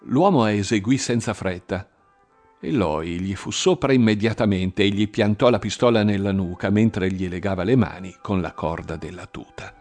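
Give me a man with a low voice giving a measured, dramatic crime story narration. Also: darkish tone, faint music behind.

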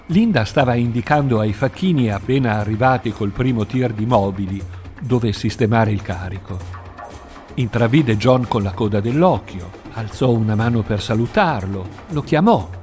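A man reading a novel aloud as a narrator, in measured storytelling. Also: mid-range voice, darkish tone. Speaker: audiobook narrator. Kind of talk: scripted narration.

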